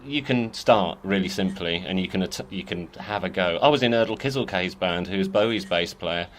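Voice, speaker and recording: A man's voice: sits low, moderate pace, slight background noise. A man guest in a casual interview, telling rambling, self-deprecating stories with frequent restarts. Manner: chatty storyteller, self-deprecating, many restarts. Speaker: musician guest.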